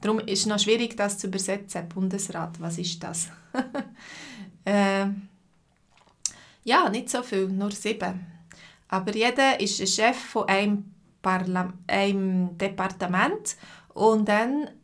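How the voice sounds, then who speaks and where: With a Swiss German accent, this woman from Switzerland runs a live stream lesson, addressing viewers by name and keeping explanations slow, simple and full of fillers. Her pitch is medium and her tone fairly bright.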